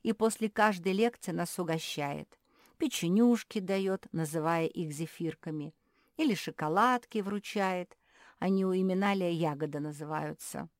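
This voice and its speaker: A woman voicing a sensible young pupil who calmly explains his teacher's habits. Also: on the low side, normal speed, no echo, clean studio sound, close to an everyday voice. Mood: amused.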